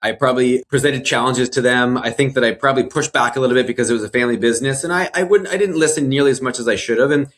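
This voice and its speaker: A man's voice: medium pitch, very fast, few pauses, fairly bright tone. A man in his forties, a guest in an interview, talking in an earnest, reflective way and repeating words as he thinks. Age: 40s. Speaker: mortgage broker guest. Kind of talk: casual interview.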